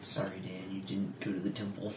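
A man's voice: low voice, monotone, fairly quick. A man narrating a tabletop role-playing game as the game master. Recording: very noisy, echoey room.

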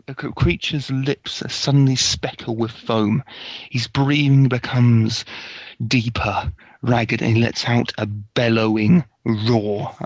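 A man with a gravelly, mid-pitched voice plays a tabletop game. He chats casually and narrates deliberately. The audio is dull and muffled. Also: no echo.

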